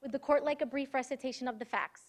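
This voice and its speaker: A woman's voice: high-pitched, quick pace. A young woman law student delivering a formal, rehearsed oral argument as counsel in a moot court. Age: young adult.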